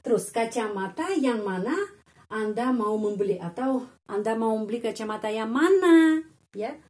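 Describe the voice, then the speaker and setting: A Russian-native woman teaching a language lesson, explaining patiently and repeating model sentences slowly with strong intonation. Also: a little high, a little mellow. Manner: slow, careful model sentences with stressed intonation; friendly explaining tone with tag "ya".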